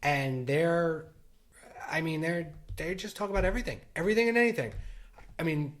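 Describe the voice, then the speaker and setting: A man's voice: on the high side, normal speed. A middle-aged man co-hosting a podcast, talking in a loose, rambling way with lots of restarts and fillers. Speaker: podcast co-host. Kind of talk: casual chat.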